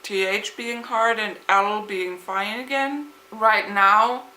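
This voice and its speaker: Young woman with slightly lisped, bright voice. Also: medium pitch, slow. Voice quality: slightly lisped, impeded articulation from a swollen tongue. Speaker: vlogger. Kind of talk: casual vlog chat, rambling. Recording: echoey, roomy sound.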